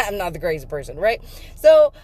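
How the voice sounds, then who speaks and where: A woman telling an emotional faith story in a casual vlog, emphatic and excitable, breaking into laughter. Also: fairly low pitch, moderate pace. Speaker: faith vlogger.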